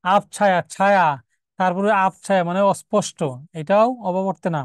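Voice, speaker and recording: A man teaching a live grammar lesson, his voice high and smooth. He works through exam questions step by step, repeating key words and asking rhetorical questions. The sound is dry and close to the mic. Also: flat delivery, fairly quick, no room sound. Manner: reads out student names and comments.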